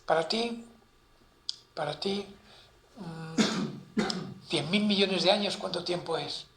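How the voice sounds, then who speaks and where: A man's voice: high-pitched, slow pace, fairly bright tone, voice pushed up, heavily acted. A man voicing a humble man praying to God, hesitant and pleading, in a lightly told classroom joke. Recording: echoey room, faint ambient noise.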